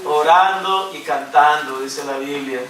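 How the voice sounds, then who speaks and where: A man's voice: a little high, measured pace, bright, forceful tone, slight background noise. A male pastor preaching a sermon, joking and dropping English fillers into his teaching. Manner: jokey, mixes in English fillers. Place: church hall. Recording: roomy room sound from a distance.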